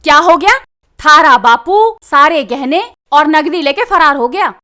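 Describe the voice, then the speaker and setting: An actress with a Haryanvi accent playing a loud, quarrelsome village daughter-in-law who wails and scolds. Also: female voice, unhurried. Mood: scolding. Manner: shrill wailing and scolding.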